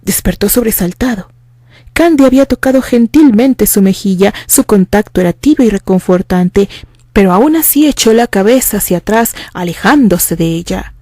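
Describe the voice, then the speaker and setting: A woman narrating a fan fiction story as an audiobook, in an even storytelling manner. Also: mid-range voice, moderate pace, no echo, clean studio sound. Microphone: studio microphone.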